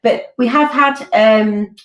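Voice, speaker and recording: This college curriculum director, a woman in her forties, takes it slowly in a fairly high voice while answering viewer questions on a Q&A stream from home. She's informal, with lots of ums and restarts, and the lo-fi audio comes from a distant laptop webcam on a video call, sounding roomy indoors.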